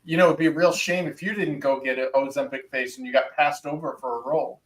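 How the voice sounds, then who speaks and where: A man's voice: mid-range voice, steady tone, quick pace, a bit bright, roomy sound, recorded from a distance, rough recording. A man co-hosting a casual podcast chat, talking from another room and heard through a wall, rambling with lots of "like". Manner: rambling, heavy use of "like".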